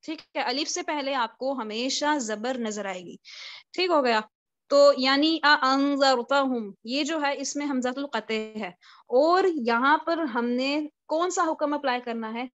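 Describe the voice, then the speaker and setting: A woman with a high voice leads a live online class on Quran recitation. She works through each point patiently and keeps asking her students questions. The audio is dull and lo-fi, like a video call recording. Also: measured pace. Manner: patient step-by-step explaining, poses questions to students.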